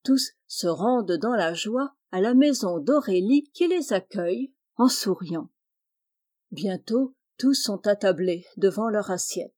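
A woman reading a children's story aloud, gentle and lilting, lifting her voice for the animal characters. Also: medium pitch, lively intonation, measured pace. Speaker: audiobook reader.

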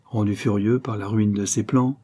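A man reading a novel aloud in a measured, literary narration. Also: lowish voice, steady tone, mellow, husky. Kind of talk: audiobook narration.

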